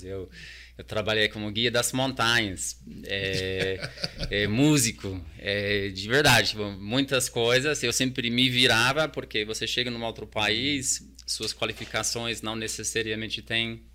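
A New Zealand man whose first language is English speaks in a fairly low yet bright, forward voice. As an interview guest he chats casually but hesitantly, often restarting and repeating words while searching for Portuguese.

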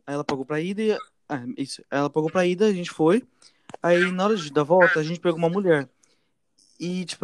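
A young man, telling a story casually to friends in a lively, chatty way. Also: fairly high pitch, slight background noise. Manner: fast, animated, addresses listeners as gente and velho.

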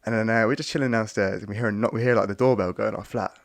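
Gravelly young man telling stories. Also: lowish voice, steady tone, rapid-fire, dry recording. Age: young adult. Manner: laid-back slangy storytelling. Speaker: podcast co-host. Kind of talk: casual chat.

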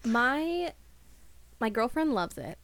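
A woman's voice: on the high side, very animated, takes it slowly, heavy background noise. A woman co-hosting a podcast in casual chat, talking in a chatty way full of "like" fillers. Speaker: podcast co-host.

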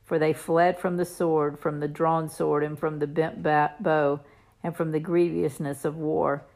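Low-voiced woman solemnly reading scripture aloud. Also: level tone, measured pace, darkish tone. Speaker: scripture reader.

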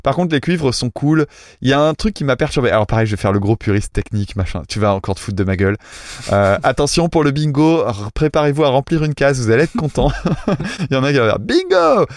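A man's voice: medium pitch, animated, fast talker, no echo, studio quality. Chatty man picking apart a song. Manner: chatty, many fillers, technical and self-mocking. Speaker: podcast co-host reviewing cover songs. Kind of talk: casual chat, music critique.

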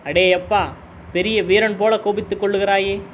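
A man voicing a sly scheming man who calmly taunts a simpleton in a read-aloud story. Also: high voice, normal speed, slight background noise, lightly acted. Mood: taunting.

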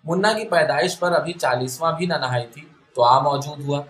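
A man reads a literary story aloud in a steady, even way. His voice sits a little high for a man. The recording carries a clear roomy echo. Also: slight background noise. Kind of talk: scripted story narration. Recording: echoey room.

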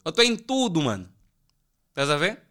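A young man from Angola with an Angolan Portuguese accent, telling animated, slangy stories as a podcast guest. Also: on the high side, moderate pace. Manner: animated, slangy, acts out quoted voices. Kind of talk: casual storytelling chat.

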